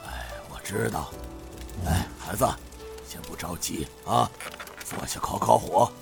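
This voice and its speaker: A kind-hearted aging innkeeper from a told story talks with a gravelly edge and lively rises and falls, sighing fatherly over the children, as a male storyteller puts him on. Soft music runs faintly underneath. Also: mid-range voice, moderate pace. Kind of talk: storytelling with voiced characters.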